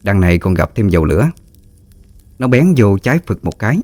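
Low-voiced Southern Vietnamese storyteller. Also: male voice, big pitch swings, a little fast, darkish tone, dry recording. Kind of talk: storytelling narration.

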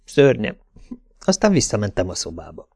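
A man's voice: fairly low pitch, big pitch swings, creaky, a little mellow, slightly rough, no echo, clean studio sound. A man narrating a first-person audiobook in a laconic, wry way.

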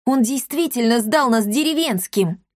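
A woman's voice: a little high, expressive, moderate pace, darkish tone, no echo, studio quality, voice pushed up, natural voice. A woman voicing a bold, cheeky orphan boy who mocks his rivals. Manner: cheeky, mocking.

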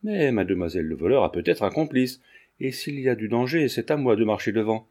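A man playing a firm young gentleman. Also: mid-range voice, animated, a little fast, close to an everyday voice. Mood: courteous. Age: young adult. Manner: firm, brusque. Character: brave, decisive young gentleman. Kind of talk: audiobook character reading.

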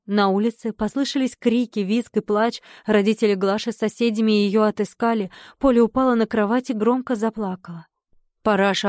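Female storyteller, even measured read, close dry mic. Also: medium pitch, dry recording. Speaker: narrator.

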